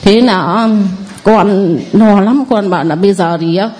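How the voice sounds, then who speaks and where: A woman's voice: mid-range voice, measured pace, mellow. A woman in her forties with a northern Vietnamese accent, giving a nervous, rambling, deferential testimony to a priest. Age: 40s. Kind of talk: spoken testimony.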